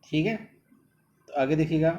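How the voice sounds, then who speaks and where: High-voiced man teaching vocabulary. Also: moderate pace, mellow, muffled recording. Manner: repeats words often and calls the students "my dear". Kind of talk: exam-prep vocabulary lesson.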